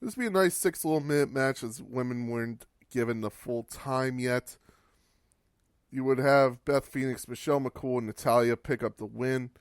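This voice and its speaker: A man's voice: mid-range voice, normal speed, no room sound, clean studio sound. A man hosting a podcast, giving a casual, wry recap of old wrestling matches and swearing for laughs. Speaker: podcast host.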